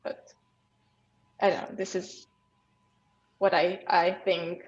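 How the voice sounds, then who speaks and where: Slow, halting woman on a dull call. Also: lowish voice, flat delivery. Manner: halting, repeats words. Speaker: software team member in a meeting. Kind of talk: casual work meeting talk.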